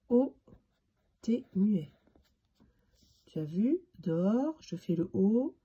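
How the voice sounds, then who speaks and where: A woman teacher giving a slow, patient handwriting lesson to young children, spelling out each letter as she writes. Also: on the low side, mellow, breathy edge, highs cut off.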